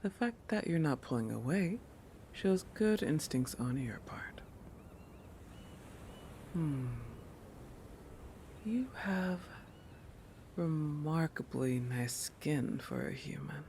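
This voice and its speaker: Playing a possessive shark predator, this man delivers a full character voice with a darkish tone and lively intonation, slow and creaky, frequently sinking to a breathy whisper. The intimate roleplay has a musing, oblivious feel full of thoughtful hums, and a faint rumbling noise lies beneath. It comes across as teasing and possessive.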